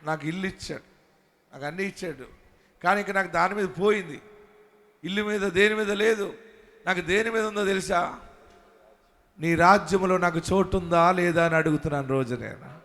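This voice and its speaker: A middle-aged male pastor preaching a sermon, emphatic, moving from quiet asides to shouted exhortations and calling on the congregation to answer. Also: high voice, normal speed, long pauses. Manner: calls on the congregation to shout hallelujah.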